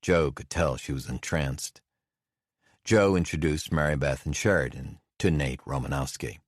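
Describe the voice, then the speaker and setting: A man narrating an audiobook in a calm, even manner. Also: very deep voice, normal speed, no echo, studio quality. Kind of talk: scripted narration.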